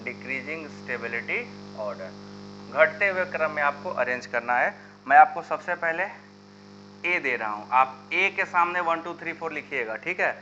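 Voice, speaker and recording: A man runs a live chemistry class, slipping into his talk and pushing students to answer in the comments. His voice is bright and a little high. The recording is dull and lo-fi, with a faint hum underneath. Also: animated, moderate pace. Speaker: chemistry teacher. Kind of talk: live online chemistry lesson.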